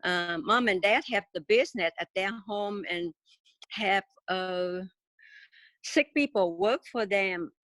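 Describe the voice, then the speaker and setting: An older woman of about seventy, with a Vietnamese accent, recounting her childhood in an unhurried, halting way. She speaks with plain, simple grammar and frequent fillers. The sound is close and dry, with no room around her. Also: mid-range voice, fairly bright tone, dry recording. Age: 70s. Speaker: interview guest. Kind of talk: casual storytelling interview.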